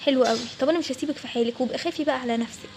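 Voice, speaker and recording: A woman's voice: sits high, very fast, noisy background, lightly acted. A woman with an Egyptian Arabic accent voicing a nosy, persistent young man who keeps pestering a coworker, in a toy role-play story. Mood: pushy. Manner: pleading, persistent. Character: nosy pushy young man, manager's son.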